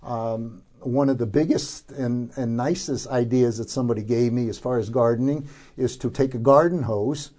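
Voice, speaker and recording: An older man with a soft-edged, mellow voice explains practical gardening in an informal interview. He sits at a middling pitch for a man and speaks haltingly, often hunting for the right word. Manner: halting, searching for words.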